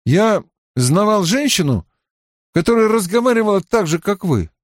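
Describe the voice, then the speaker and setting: An eager, insistent young man, as a male narrator plays him, pushing his voice higher with animated swings. He presses urgently and demandingly, heard close and dry in an audiobook. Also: moderate pace, no echo. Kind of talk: audiobook character voice.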